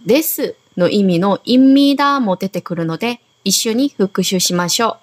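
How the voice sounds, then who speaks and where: A woman's voice: medium pitch, normal speed. A Korean woman hosting a radio language lesson, patiently explaining grammar and modelling words to repeat. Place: Okinawa.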